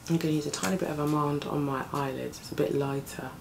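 Speaking quickly with a creaky edge, a beauty vlogger in her thirties talks her way through a relaxed makeup tutorial, her morning voice lower than usual. She's at home in her flat close to a desk camera, with plane and street noise coming in through the open window.

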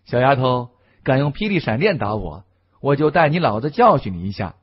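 A man voicing a brash, fearless young male cultivator who talks loudly with a mocking swagger. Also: medium pitch, big pitch swings, fairly quick, breathy edge, lo-fi sound. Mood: teasing.

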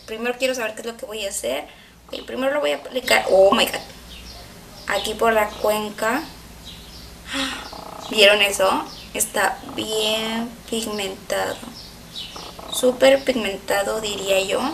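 A woman's voice: fairly high pitch, recorded from a distance, slight background noise. Chatty woman doing a makeup tutorial. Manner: chatty, excitable, thinks aloud while working. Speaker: makeup vlogger.

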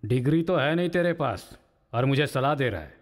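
A man's voice: mid-range voice, lively intonation, normal speed, natural voice. A man dubbing a doting, joking father in a film, coaxing his small son in sing-song baby talk. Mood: scolding. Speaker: father in a prison story. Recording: film soundtrack with music under. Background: film score.

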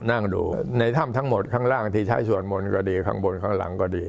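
Older male monk, low-pitched old man's voice, halting and unhurried, informally recounting temple history. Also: creaky, a little mellow. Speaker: Buddhist monk addressing temple visitors.

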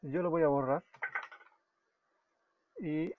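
A man's voice: a little high, steady tone, slow pace, a little hiss or hum. A man from Peru with a Peruvian Spanish accent walks through a coding tutorial step by step, often correcting himself. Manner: explains step by step, self-correcting, often apologizing. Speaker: web development tutor. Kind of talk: screen-recorded coding tutorial. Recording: dull lo-fi recording with keyboard typing.

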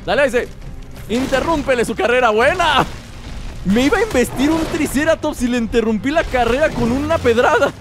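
High-voiced man yelling through gameplay. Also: animated, brisk, over music. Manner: loud hype shouting at kills. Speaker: gamer host. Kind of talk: excited multiplayer gaming chat.

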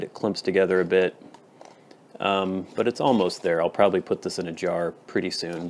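Low-pitched man giving a measured review. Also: a little mellow, slight background noise. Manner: measured, deliberate, listing points in short phrases. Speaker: pipe tobacco reviewer. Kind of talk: casual product review to camera. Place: wood-floored room at home, indoors.

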